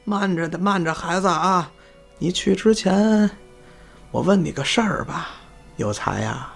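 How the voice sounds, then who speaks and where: A man's voice: high-pitched, lively intonation, a little slow, faint music behind, pitched above the performer's own voice, full character voice. A man voicing a quavering dying old man. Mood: pleading. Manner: quavering, stammering, breathy with emotion. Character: dying old man, childless, tender and pleading. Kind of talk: storytelling podcast.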